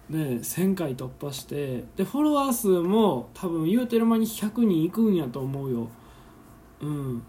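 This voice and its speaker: A man's voice: fairly high pitch, darkish tone, a little hiss or hum. Laughing man with a Kansai accent. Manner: chatty, laughing often, acts out awkward moments. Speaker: podcast host. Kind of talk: casual solo radio chat reading listener letters. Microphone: phone, streaming live while recording.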